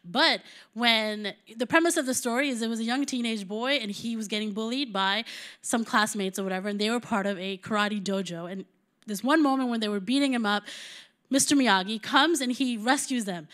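Woman, 30s, church preacher; conversational sermon delivery that rises to forceful emphasis, higher register. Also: brisk.

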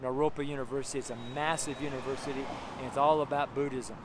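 Rambling street preacher outside by traffic. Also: male voice, medium pitch, level tone, fast talker. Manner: rambling, emphatic, with chuckles and frequent fillers. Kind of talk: outdoor street sermon. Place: outdoors on a sidewalk by a street. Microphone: camera held close, selfie framing. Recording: outdoor street with audible traffic noise. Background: passing traffic.

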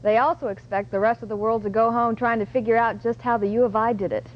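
A woman TV reporter presenting a live news stand-up in a bright, upbeat way. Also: a little high, steady tone, fast talker. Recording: muffled early-90s broadcast tape.

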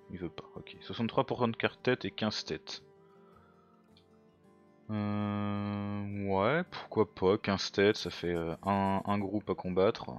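Low-voiced man muttering through a strategy game. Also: lo-fi sound. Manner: thinks aloud, muttering to himself; self-mocking. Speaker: let's play gamer. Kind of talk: casual game commentary.

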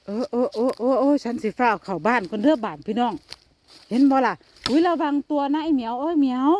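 A woman with an Isan accent talking casually to her viewers while walking outdoors in a forest, now and then calling loudly to her cats. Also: a little high, lively intonation, quick pace, slight background noise. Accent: Isan (Northeastern Thai). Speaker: vlogger.

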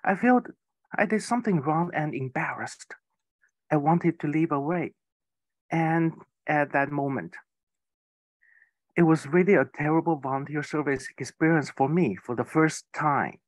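Slow, careful man giving a keynote. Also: a little high, no room sound. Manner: slow, careful storytelling with occasional slips. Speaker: keynote speaker. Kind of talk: prepared speech.

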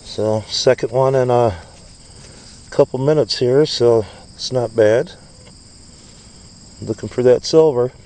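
A man's voice: medium pitch, takes it slowly, long pauses, a little mellow. A man narrating his finds in a casual, understated vlog style, recorded outdoors on a handheld camera. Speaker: metal detecting hobbyist, vlogger. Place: outdoors, grassy ground by a parking lot. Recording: outdoor ambient noise, faint insects.

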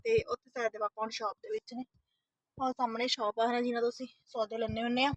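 On a lo-fi recording, a Punjabi woman in her thirties, a mother, talks casually to her family vlog followers at a quick pace. Her voice is on the high side with little pitch movement, and she's chatty, repeatedly adding "isn't it" tags.

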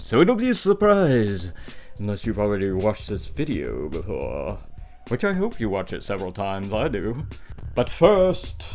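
A man's voice: fairly low pitch, darkish tone. A middle-aged man presenting a video game show casually to camera, with tongue-in-cheek horror-host flourishes. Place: small dark indoor room. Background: guitar music.

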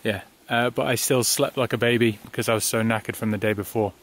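A tired young man, a touring cyclist, chatting casually to his camera outdoors by a highway and laughing often. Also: steady tone, fast, a little hiss or hum. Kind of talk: casual video diary.

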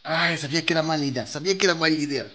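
A young man with a Mexican Spanish accent giving casual, excitable commentary over a mobile game, yelping, groaning and swearing as he spends in-game currency. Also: a little high, racing, slight background noise. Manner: excitable, nervous, yelps and groans, swears freely.

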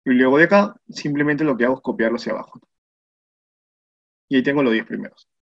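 Male instructor, Peruvian Spanish accent, slightly husky voice, muffled lo-fi sound, patient tutorial delivery. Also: mid-range voice, fast. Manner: patient step-by-step explaining, asks "¿no?" and "mira" often. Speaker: spreadsheet instructor. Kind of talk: screen-recorded software tutorial. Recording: muffled lo-fi voice recording.

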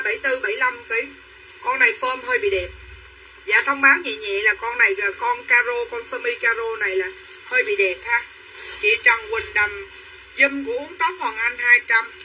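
A slightly high, sharp-toned woman keeps up a repetitive livestream sales pitch for clothes, naming buyers as she goes. The rough recording is distant, slightly off-mic, with faint room noise.

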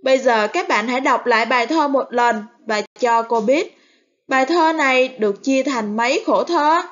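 A woman primary school teacher with a Southern Vietnamese accent, giving a recorded reading lesson in a slow, careful, over-articulated classroom manner. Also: high voice, fairly bright tone. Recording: dull lo-fi recording.

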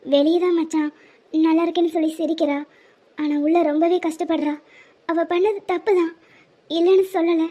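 A gentle, heartbroken young woman from a cartoon love story, voiced by a woman, tearful and pleading. Her voice is high and fairly level, with a dull lo-fi sound. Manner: soft, pleading. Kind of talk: cartoon voice acting.

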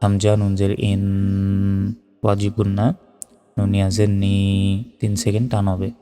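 A man teaching Quran reading, spelling out letters and vowel marks one by one and then chanting each word slowly. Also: low-pitched, monotone, dark tone, clear, resonant tone, in a large hall, faint music behind. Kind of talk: step-by-step recitation lesson.

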